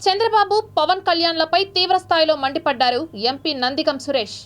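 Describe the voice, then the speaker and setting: A woman reading scripted news as anchor in a brisk, even delivery. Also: very high voice.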